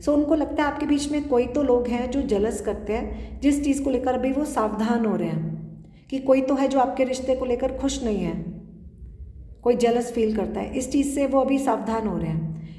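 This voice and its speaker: A woman with a Punjabi accent giving a pick-a-card tarot reading in a calm, repetitive way, slipping between Hindi and English. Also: a little high, moderate pace. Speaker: tarot reader. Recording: roomy echo with long reverb.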